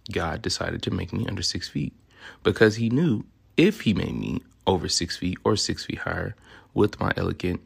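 Man, Southern US accent, deep low voice, heavy vocal fry, casual podcast host, playful and profane. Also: expressive, moderate pace. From Memphis, Tennessee, United States. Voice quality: deep, smooth voice. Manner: playful, boastful, profanity-laden delivery. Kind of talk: casual solo podcast monologue.

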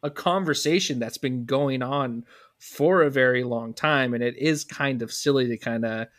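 A man's voice: medium pitch, moderate pace, fairly bright tone. A man co-hosting a podcast, easygoing and chatty, telling stories with many restarts. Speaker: podcast co-host. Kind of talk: casual podcast chat.

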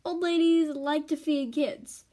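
A woman's voice: high voice, steady tone, measured pace, warm tone, pitched above the performer's own voice. A woman voicing a kind old lady from a homemade storybook, doting and fussy. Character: kind old lady living alone in woods.

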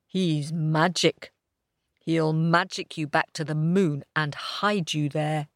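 A woman voicing a big, slow, grumbling male yak who speaks gruffly and deliberately. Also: deep voice, fairly even intonation, no echo, clean studio sound. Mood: gruff warning.

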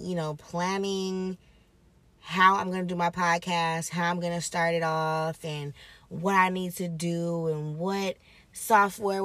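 A woman with a fairly low-pitched, slightly bright voice hosts her own solo podcast. She talks casually and upbeat with a reflective streak, repeating phrases to drive her points home.

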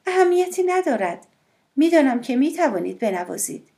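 A woman narrator voicing Death as a calm, mysterious woman, cool and softly teasing in an audiobook. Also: sits high, voice pushed up. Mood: calmly assured. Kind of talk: audiobook character voice.

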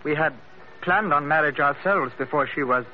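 An actor with a fairly high, lightly acted voice plays a young Chinese man in hiding in a vintage radio play, polite and dignified, using careful, formal English. His tone is grave and earnest, his pacing measured, and the dull old recording carries faint music.

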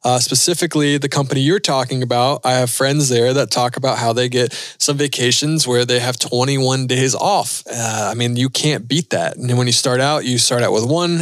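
A man in his thirties talks casually through listener questions on a podcast, easygoing and unhurried, stopping for small fillers as he thinks. His voice sits at an ordinary middle pitch. The recording is dry and close, with no room sound. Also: fairly bright tone, no room sound. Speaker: podcast host and pilot.

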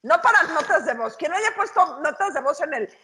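Lively, high Mexican woman. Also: moderate pace. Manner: playful, teasing, laughs while talking. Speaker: podcast co-host. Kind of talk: casual chat.

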